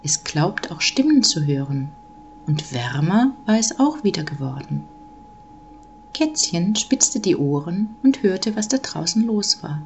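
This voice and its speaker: A woman gently reading a children's Christmas story aloud, measured and calm. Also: lowish voice, a little hiss or hum.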